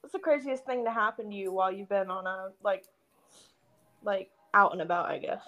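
A woman's voice: mid-range voice, fairly quick, bright, forceful tone, muffled recording. A woman co-hosting a podcast, casual and asking questions while eating. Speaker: podcast co-host. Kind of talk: casual interview chat.

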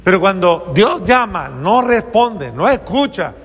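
A man preaching a homily to a congregation, asking them questions and acting out quoted replies in soft voices. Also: high-pitched, very animated, measured pace, slightly rough, big-room sound, dull audio. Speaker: priest.

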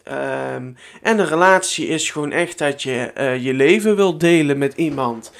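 A man's voice: fairly high pitch, a little slow, vocal fry. A young Dutch man hosting his own podcast from home, chatting in a rambling, chatty way and swearing casually. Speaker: podcast host. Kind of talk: casual solo podcast chat.

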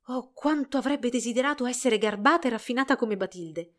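A woman reading a fairy tale aloud in an expressive storybook narration. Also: on the high side, brisk.

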